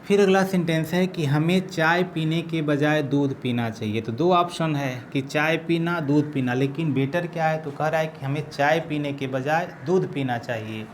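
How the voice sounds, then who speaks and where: Brief: male grammar teacher, slightly high voice, slow patient delivery, faint hiss behind. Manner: slow, repeats each phrase while writing. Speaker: English teacher. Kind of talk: classroom grammar lesson.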